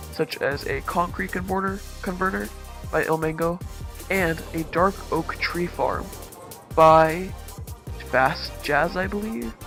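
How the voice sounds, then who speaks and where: A man speaking through a voice changer as he hosts a relaxed, easygoing tour of his game world. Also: on the high side. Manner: laid-back, easygoing, talks while touring his builds. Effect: voice changer disguising his voice. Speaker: gaming channel host. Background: background music.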